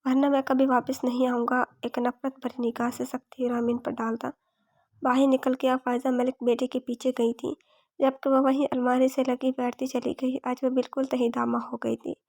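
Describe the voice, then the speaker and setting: Casting: woman audiobook narrator, high flat delivery, dry close sound. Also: normal speed, creaky, no room sound. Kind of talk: scripted novel narration.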